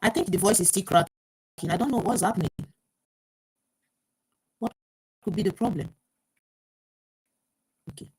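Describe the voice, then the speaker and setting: Her voice is mid-range and husky, with a measured pace and long pauses, captured in a rough recording. Hosting a live online talk show via earpiece mic, she flusters through technical trouble out loud, restarting often and using lots of fillers.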